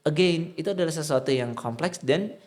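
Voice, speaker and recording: A man's voice: a little high, brisk, darkish tone. A young man from Indonesia, a podcast guest who talks animatedly, slips into English and acts out what children say. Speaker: guest, literacy program founder. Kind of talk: podcast interview.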